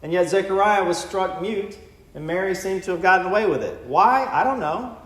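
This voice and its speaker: A man preaching a sermon as pastor, conversational, acting out quoted prayers in lively voices and dropping quietly for emphasis. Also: high-pitched, normal speed, reverberant. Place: church sanctuary.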